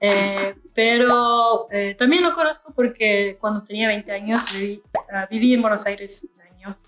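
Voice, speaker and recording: Young woman from Canada, relaxed get-ready-with-me chatter, filler-heavy, echoey room with soft music. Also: medium pitch, moderate pace. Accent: France-style French learned in Canada. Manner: chatty, musing aloud with many fillers. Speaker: beauty vlogger. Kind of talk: casual get-ready-with-me chat.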